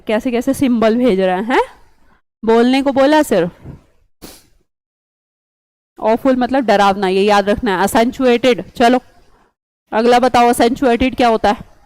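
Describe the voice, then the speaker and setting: A woman's voice: fairly high pitch, unhurried, long pauses, a little mellow, clear, resonant tone, dry recording, low-quality recording. A woman teaching an online vocabulary lesson, chatty and coaxing, quizzing students with memory tricks.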